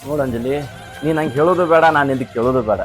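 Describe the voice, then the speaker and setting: A man's voice: mid-range voice, very fast, faint music behind, lightly acted. A man with a North Karnataka Kannada accent playing a possessive young man who is to be her husband, bossy in tone. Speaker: fiancé. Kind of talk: short film acting.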